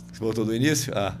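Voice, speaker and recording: A man hosting a podcast, telling a family story casually with many fillers and acting out the dialogue, recorded in a home studio. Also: medium pitch. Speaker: podcast host.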